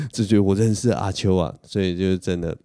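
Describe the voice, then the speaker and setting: Low, mellow-voiced man chatting. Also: a little fast, dry recording, studio quality. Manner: rambling, self-mocking, with frequent laughs and restarts. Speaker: podcast host. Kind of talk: casual storytelling chat.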